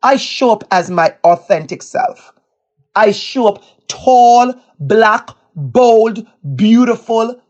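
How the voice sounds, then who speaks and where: A woman with a Jamaican accent, an equity educator answering as a guest, speaking emphatically and repeating key lines for effect. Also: medium pitch. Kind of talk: impassioned interview answer.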